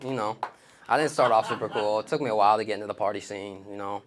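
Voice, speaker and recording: On stage in front of an audience, a young man performs stand-up, spinning stories in relaxed slang and playing out the dialogue himself. He talks fast in a lowish, steady voice, with background noise in the recording.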